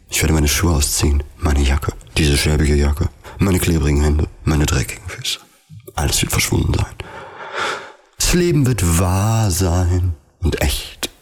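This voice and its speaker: A man voicing a wounded grandiose male charlatan in a storybook reading, brooding and slow. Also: very deep voice, darkish tone, husky, heavily acted.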